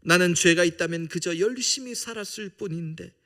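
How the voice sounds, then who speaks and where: Male pastor, high gravelly voice, passionate sermon with soft whispered asides. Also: a little fast. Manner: impassioned preaching, swinging between loud appeals and hushed whispers. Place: church sanctuary.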